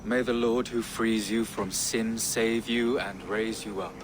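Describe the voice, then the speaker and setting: Man playing a slow, solemn, pious bishop. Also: lowish voice, fairly even intonation, noisy background, lightly acted. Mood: prayerful. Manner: solemn, deliberate. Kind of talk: video game voice acting.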